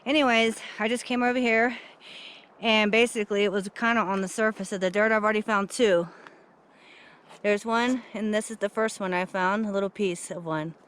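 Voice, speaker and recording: Woman, casual vlog, excitable, chatty, outdoors, handheld camera, mid-range voice. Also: mid-range voice, moderate pace, smooth. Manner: excitable, chatty, addresses viewers directly. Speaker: vlogger. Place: outdoors at a dig site.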